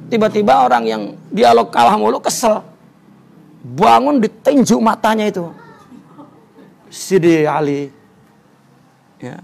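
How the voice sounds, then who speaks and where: A man's voice: extremely high pitch, vocal fry, slight background noise. A man teaching a religious study lesson, telling stories, repeating words for emphasis and reciting Arabic before explaining it.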